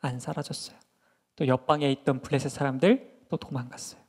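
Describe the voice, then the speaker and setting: A male children's pastor retells a Bible story with animated energy, often turning to the kids with questions. His voice is husky, at a middle pitch. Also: a little fast.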